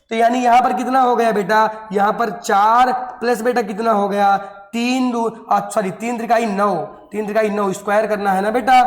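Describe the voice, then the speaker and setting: A male teacher giving a lesson, coaxing his students and answering his own questions. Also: high voice. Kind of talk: classroom lesson. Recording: echoey, reverberant room.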